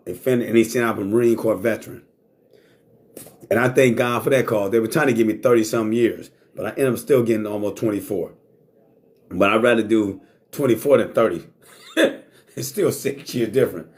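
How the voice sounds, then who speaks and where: A middle-aged man hosts a talk show, delivering a casual monologue to live chat in a mid-range, somewhat dark voice. He's blunt and relaxed, swearing freely.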